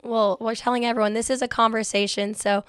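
Young woman podcast host, smooth and even. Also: on the high side, brisk, dry recording, clean studio sound. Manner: friendly, encouraging reactions. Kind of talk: interviewing a guest. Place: small studio. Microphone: studio mic on arm.

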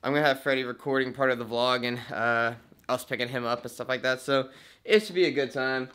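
A man's voice: mid-range voice, steady tone, fairly quick, a bit bright, clean tone. A young man hosting a casual vlog from inside a vehicle, laid-back and joking, laughing often. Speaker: vlogger host.

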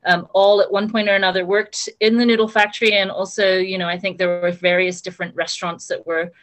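A woman's voice: medium pitch, flat delivery, fast talker, fairly bright tone. A young woman from Hong Kong, speaking on a video call from a room at home, talking casually with many ums and restarts. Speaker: panelist. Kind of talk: casual conversational answer.

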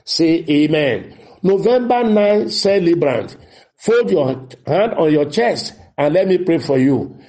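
A man's voice: a little high, sing-song, slow pace, warm tone. A man, a radio pastor declaring prayers in short commanding phrases and reading out listener letters to answer them. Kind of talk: prophetic prayer and counseling on radio. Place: radio studio.

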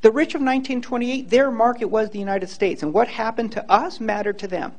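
Speaking briskly in a high-pitched voice with fairly even intonation, a man in his fifties from Hawaii lectures publicly and fields questions in a big indoor lecture hall. He uses a handheld microphone and comes across as earnest and emphatic, repeating words as each point begins.

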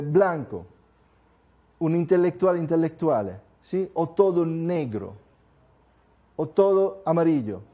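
A man's voice: on the high side, lo-fi sound. Man lecturing with rhetorical questions. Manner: lively, asks the audience rhetorical questions; acts out examples with small voices. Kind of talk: live lecture to an audience.

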